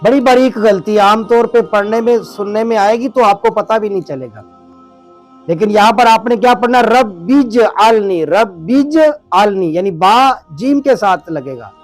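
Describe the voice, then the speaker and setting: A man from Pakistan teaching prayer recitation with a Pakistani Urdu accent, slowing down to pronounce words syllable by syllable. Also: high-pitched, soft background music. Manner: slows down to spell out words syllable by syllable. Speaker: religious teacher. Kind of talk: recorded lesson on prayer recitation.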